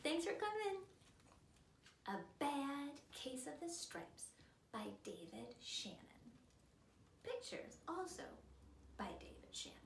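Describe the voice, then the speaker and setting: A woman with a high voice reads a children's story aloud like a drama teacher, theatrical and very animated, with slow, emphatic phrasing. The sound is echoey and roomy, captured by a distant mic with a noisy background.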